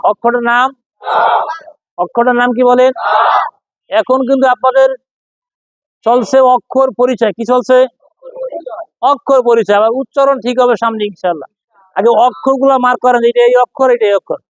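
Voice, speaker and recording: Man, Quran reading teacher, classroom drill, repetitive call-and-response, very high-pitched voice. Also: no room sound. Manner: repetitive, calls out questions, drawn-out chanting of letter names.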